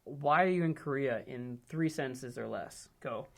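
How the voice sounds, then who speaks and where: A man's voice: medium pitch, normal speed, gravelly, fairly bright tone. A man from Ohio hosting a casual chat with friends, upbeat and loose in his talk. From United States, Ohio. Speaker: host. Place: indoors with friends.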